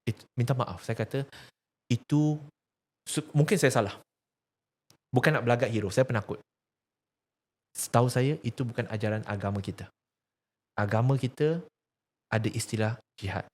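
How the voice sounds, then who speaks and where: A man's voice: medium pitch, moderate pace, pauses often. A man with a Malaysian accent, talking earnestly about faith, asking rhetorical questions and telling a teaching story. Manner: emphatic, preaching tone, rhetorical questions. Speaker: religious activist speaker.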